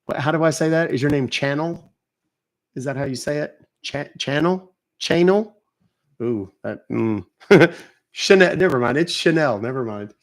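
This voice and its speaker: A man's voice: mid-range voice, a little fast, few pauses. A man hosting a scam-baiting livestream, chatting casually, thanking viewers and rambling through asides.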